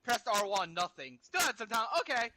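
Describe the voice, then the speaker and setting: A young man chatting over a game, his high voice leaping all over the place and ringing with a bright, sharp edge. He is excitable, laughs a lot and swears freely, trading loose banter with his friend. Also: moderate pace. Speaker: co-op gaming partner. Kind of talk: casual game-stream banter.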